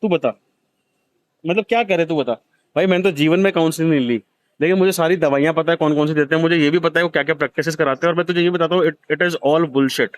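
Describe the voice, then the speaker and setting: A man's voice: fairly high pitch, fast talker, smooth, no echo. A man in his thirties, hosting, gives a blunt, profane scolding to a gambler in a harsh heart-to-heart lecture. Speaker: host counseling a gambler.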